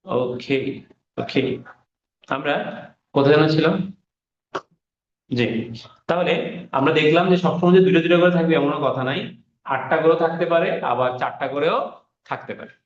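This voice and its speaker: A man's voice: a little high, moderate pace, pauses often. A male teacher giving an online class lesson, who repeats key words and quizzes his students as he goes. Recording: roomy, dull online class audio.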